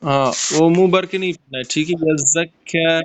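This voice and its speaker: A man's voice: fairly high pitch, a little hiss or hum. A man teaching Quran recitation in an online class, patiently correcting pronunciation step by step. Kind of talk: online tajweed lesson. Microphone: video call.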